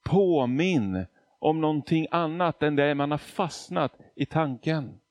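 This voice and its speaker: A man's voice: fairly high pitch, animated, no room sound. A man from Argentina preaching a testimony sermon, telling his story with emphasis and acting out quotes.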